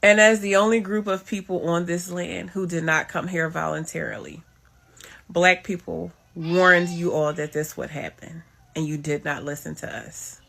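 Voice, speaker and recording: Gravelly-voiced woman giving emphatic commentary. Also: fairly low pitch, fairly even intonation, normal speed, a bit bright. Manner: emphatic, repeats phrases. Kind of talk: political commentary.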